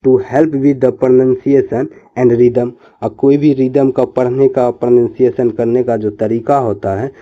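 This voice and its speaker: A man teaching an online class, explaining slowly and answering his own questions. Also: medium pitch, highs cut off.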